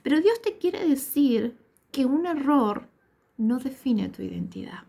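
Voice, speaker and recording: A woman's voice: sits high, big pitch swings, measured pace, creaky, mellow. A woman with a Rioplatense Spanish accent preaching a sermon in earnest, repetitive, emphatic phrases.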